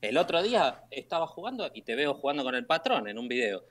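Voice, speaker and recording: Rambling about a game, this Rioplatense-accented man chats casually with a streamer on voice chat and keeps repeating "¿me entendés?". He speaks a little fast in a mid-range, somewhat bright voice with big pitch swings. There's a little hiss or hum on the line.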